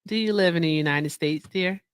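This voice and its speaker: A woman's voice: lowish voice, fairly quick, clear, resonant tone, no room sound. A woman hosting a casual livestream chat, blunt and skeptical with her callers. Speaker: host.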